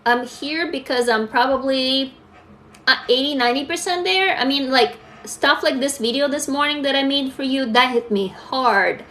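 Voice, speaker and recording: A woman's voice: sits high, moderate pace, fairly bright tone. A young adult woman from Russia, chatting candidly with viewers on a phone livestream and reading their comments aloud. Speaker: livestream host. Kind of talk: casual live-stream chat.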